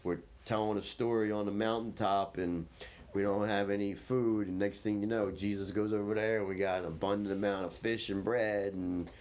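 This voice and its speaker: A man's voice: on the low side, steady tone, moderate pace, darkish tone, lightly acted. A man voicing Mary as an unfazed woman who rambles matter-of-factly. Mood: resigned. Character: unfazed woman, Mary, used to strange events. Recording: slightly dull with faint noise.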